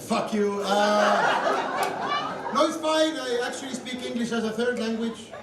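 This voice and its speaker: A man's voice: very high-pitched, takes it slowly, heavy background noise. A man in his mid thirties with an Estonian accent and Estonian as his native language, doing dry, self-deprecating stand-up comedy. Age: mid 30s. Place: comedy club stage with audience. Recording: echoey club from far off, loud crowd.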